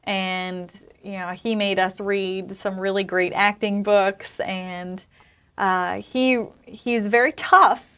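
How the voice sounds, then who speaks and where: A woman talks about her training as an interview guest. Her delivery is thoughtful and measured, and her voice sits in a middle register. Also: medium pitch, fairly even intonation, fairly bright tone, clean tone. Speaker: interview guest, stage actor and costumer. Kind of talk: casual interview chat.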